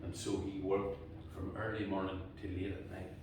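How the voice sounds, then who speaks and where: A man's voice: low-pitched, level tone, normal speed. A Northern Irish man telling a folk tale live in colloquial language, building it with repeated phrases. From Antrim, Northern Ireland. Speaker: storyteller. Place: indoor cottage gathering. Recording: very echoey room, distant microphone, faint noise.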